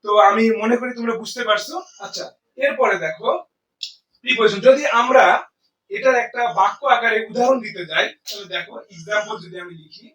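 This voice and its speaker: A man teaching English grammar to students in Bengali and English, explaining slowly and answering his own questions. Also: high-pitched, fairly bright tone, echoey room, recorded from a distance, low-quality recording. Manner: explains slowly, asks and answers own questions, often says "ঠিক আছে". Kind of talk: classroom lecture in Bengali and English.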